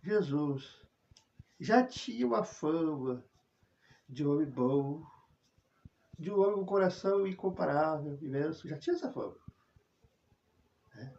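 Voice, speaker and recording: A man with a Brazilian Portuguese accent giving an informal Bible study, telling the story with animated emphasis. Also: a little high, moderate pace, vocal fry, pauses often, lo-fi sound. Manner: animated storytelling, frequent "né", chuckles.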